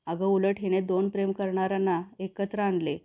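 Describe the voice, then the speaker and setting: A good-humoured older father who gently teases his wife, read by a woman storyteller. The sound is thin and phone-like. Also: medium pitch, little pitch movement, moderate pace, natural voice. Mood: easygoing. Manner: gently teasing.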